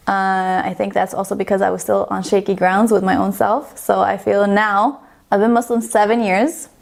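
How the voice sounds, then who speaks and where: A young woman from Estonia, speaking English, talks to her camera in a loose, rambling way. She pokes fun at herself as she goes, and a gravelly fry creeps into her mid-pitched voice. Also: a little mellow. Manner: chatty, rambling, self-deprecating. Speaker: vlogger. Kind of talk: casual personal story to camera.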